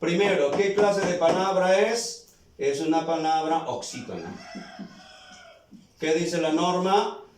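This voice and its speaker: Slow, deliberate male teacher in an echoey room. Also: on the high side, lively intonation, far from the mic, slight background noise. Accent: Peruvian Spanish. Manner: slow, drawn-out words, plays both the question and the answer. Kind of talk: spelling lesson, talking to students. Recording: very echoey room, away from the mic.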